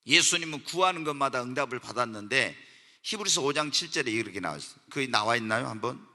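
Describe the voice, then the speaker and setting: A pastor preaching a sermon to his congregation. He asks the congregation questions and answers them himself, moving from quiet asides to loud, emotional appeals. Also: medium pitch, animated, fast talker. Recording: church hall reverb.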